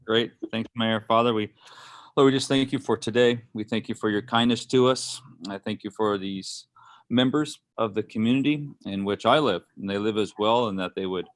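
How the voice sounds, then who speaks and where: A male pastor leads an opening prayer in an earnest, unhurried way, pausing between phrases. His voice sits low, and the sound is dry and close. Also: dry recording.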